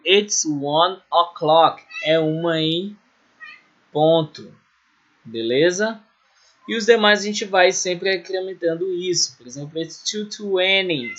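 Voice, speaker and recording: A male English teacher with a Brazilian Portuguese accent, going over a lesson review for students and checking in often with "certo?" and "beleza?". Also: fairly high pitch. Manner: explains slowly, repeats and checks with "certo?" and "beleza?". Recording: dull lo-fi recording.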